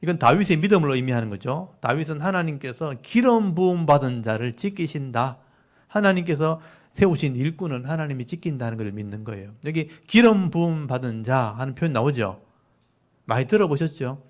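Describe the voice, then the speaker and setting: A man's voice: a little high, lively intonation, a little fast. A man preaching a sermon as pastor, reading verses aloud and explaining Hebrew words to his congregation.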